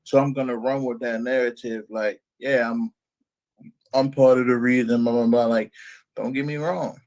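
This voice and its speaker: A man chimes in on a panel in a forceful, animated way. He leans hard on key words as he argues his point. His pitch sits in the middle range. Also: moderate pace, rough recording. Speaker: podcast panelist. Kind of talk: casual opinionated discussion.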